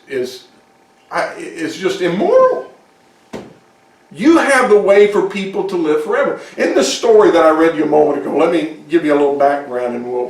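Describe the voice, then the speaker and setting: A man preaching a sermon, retelling a Bible story in a folksy way with chuckling asides. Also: fairly high pitch. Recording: echoey room, distant mic.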